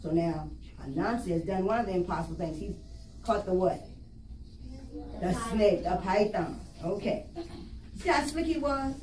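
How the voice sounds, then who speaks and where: Animated woman reading aloud to young children. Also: on the low side, normal speed, pauses often. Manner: engaging, explains the story to children in simple words. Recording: roomy, distant mic, faint noise.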